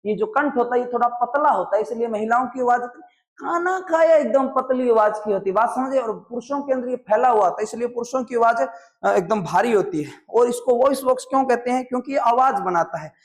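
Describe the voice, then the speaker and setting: Rajasthani guy teaching a class, really high voice, keeps asking the students questions and repeating terms. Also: fairly quick. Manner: keeps quizzing the class and drilling terms by repetition. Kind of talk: classroom lecture.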